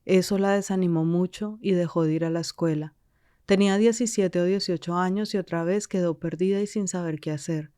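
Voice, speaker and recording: A woman reading scripted podcast narration in a measured, calm way. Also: fairly low pitch, clear, resonant tone, no echo, clean studio sound.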